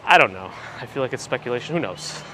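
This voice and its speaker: Here the same kind of host, a man streaming live as he walks city streets, sounds mid-range, animated and quick, his slightly gravelly, phlegmy voice tossing dry asides at viewer comments. Traffic and city sounds come through on his handheld gimbal camera rig with recorder.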